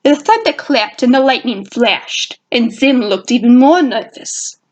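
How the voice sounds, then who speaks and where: A woman's voice: fairly high pitch, expressive, unhurried, muffled recording. A woman narrating her fan fiction in a put-on jazzy girl voice. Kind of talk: fan fiction audio reading.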